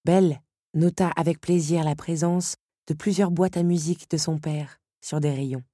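Woman, storybook narrator, low pitch, mellow tone, measured expressive reading, dry close sound. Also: husky, no room sound.

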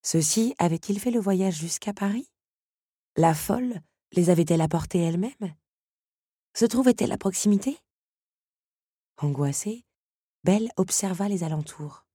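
Female audiobook narrator, low husky voice, dry close sound. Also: lively intonation, moderate pace, pauses often, dark tone, no echo. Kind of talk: audiobook reading.

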